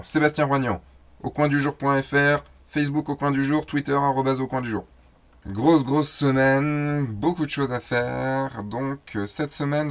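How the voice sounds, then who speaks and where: A man hosting a photo tutorial, explaining software in a loose, chatty way with fillers and self-corrections. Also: medium pitch. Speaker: host of a photo tutorial show. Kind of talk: casual screen-recorded software tutorial.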